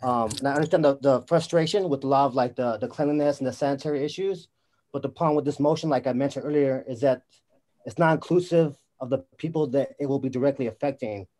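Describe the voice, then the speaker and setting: A man speaks up during the public comment slot of an online meeting. He pauses often, restarts his phrases and fills gaps with ums. His voice sits at a middle pitch with a dark, mellow tone. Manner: halting, many fillers and restarts.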